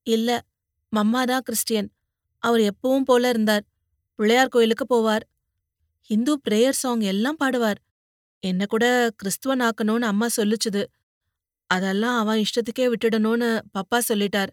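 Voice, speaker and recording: A woman voicing a calm young man. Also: on the high side, moderate pace, long pauses, dry recording, clean studio sound, lightly acted. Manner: quiet, plain-spoken, mixes in English words.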